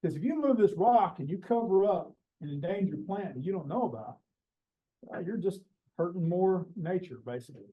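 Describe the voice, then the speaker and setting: A practical, upbeat male botanist lays out the problem in an earnest, matter-of-fact way, as a man puts on his colleague's voice. His voice sits a little higher than usual, with lifted, eager phrases. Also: animated, normal speed, highs cut off. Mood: explaining.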